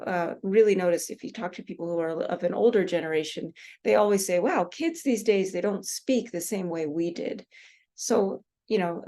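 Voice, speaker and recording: A woman from Seattle with a US West Coast accent, giving a relaxed recorded lecture with many fillers and slowing down on example words. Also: medium pitch. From Seattle, Washington State, US West Coast. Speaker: teacher.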